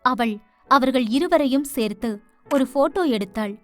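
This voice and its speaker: A woman tells a love story as an audiobook in a steady narrating voice. Her pitch sits on the higher side. Soft background music plays faintly. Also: moderate pace. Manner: steady storytelling, voicing each character. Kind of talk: scripted narration.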